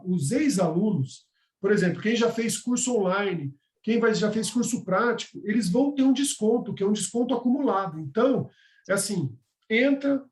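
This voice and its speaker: A male course instructor with a high-pitched voice teaches a live online class that includes course announcements, speaking from an echoey room. He explains things step by step in a conversational way, often checking in with "tá?"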